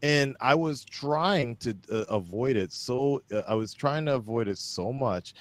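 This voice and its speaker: A man's voice: medium pitch, a little slow, dry recording. A man chatting as a guest creator on a livestream, rambling and repeating phrases as he works toward his point. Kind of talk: casual chat on a livestream.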